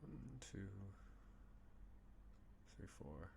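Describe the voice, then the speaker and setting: A man in his thirties streams a strategy game from a small room at home, muttering and thinking aloud extremely slowly in casual gameplay commentary. He uses a desk mic with a webcam, and there's background noise.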